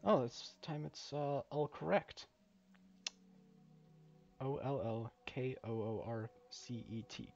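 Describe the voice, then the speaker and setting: A man's voice: medium pitch, slow, gravelly, long pauses, darkish tone. A young man giving casual let's play commentary, musing aloud and cracking small jokes as he plays. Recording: dull lo-fi recording.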